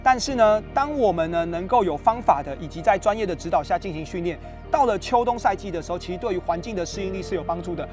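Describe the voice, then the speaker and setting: A male running coach with a Taiwanese Mandarin accent explains training to viewers. His voice is high and upbeat, and he talks quickly over faint music. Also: lively intonation, darkish tone. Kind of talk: instructional video podcast.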